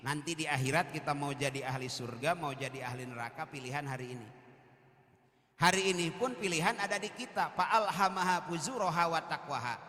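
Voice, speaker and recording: A man with a Sundanese accent preaching a humorous sermon to a congregation, swinging from loud calls to quiet joking asides. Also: fairly high pitch, a little fast. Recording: echoey hall with long reverb.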